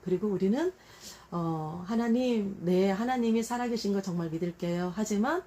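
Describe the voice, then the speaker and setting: A woman's voice: lowish voice, slight background noise. A middle-aged woman preacher giving a devotional Bible talk, conversational and full of rhetorical questions, acting out quotes in a raised voice. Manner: animated, acts out quotes in a raised voice.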